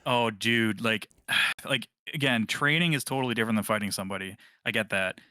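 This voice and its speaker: A man's voice: on the low side, a little fast, pushed and bright, dry recording, clean studio sound. A man co-hosting a casual gaming podcast, rambling and correcting himself as he talks. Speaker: podcast co-host.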